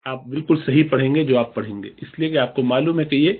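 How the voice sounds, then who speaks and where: A man teaching a Quran recitation lesson, explaining the rules and slowly reciting and stretching out example words. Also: medium pitch. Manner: drawn-out demonstrative recitation of examples. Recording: tinny phone-like audio.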